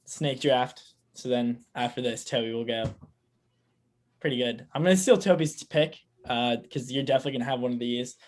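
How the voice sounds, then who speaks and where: A man's voice: medium pitch, normal speed. A man co-hosting a podcast, chatting casually and upbeat while keeping the game moving. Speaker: podcast co-host running the game. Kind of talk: casual chat.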